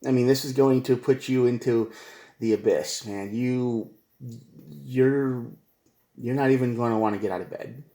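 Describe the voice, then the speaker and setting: A man's voice: medium pitch, a little slow, vocal fry, dark tone, echoey room. A man giving a casual tarot reading, rambling and repetitive, with slangy asides like "man" and "bro.". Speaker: tarot reader.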